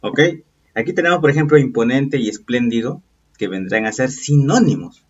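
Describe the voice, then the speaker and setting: A man with a husky, mid-pitched voice teaches a recorded review lesson. He explains things patiently and keeps checking in with the class. The sound is dull and lo-fi, and his voice comes from some way off the mic. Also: lively intonation, normal speed. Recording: distant, dull lo-fi voice.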